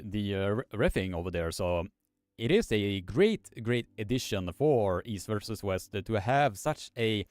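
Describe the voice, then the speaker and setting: A man's voice: on the low side, a little mellow, no echo, clean studio sound. A man hosting a live stream, reading chat comments aloud in a hesitant way, with many filler sounds.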